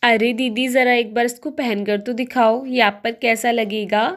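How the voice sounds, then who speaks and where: A woman's voice: on the high side, steady tone, normal speed, close to an everyday voice. A woman voicing a cheerful younger sister-in-law in a doll story, chatty and teasing toward her elder.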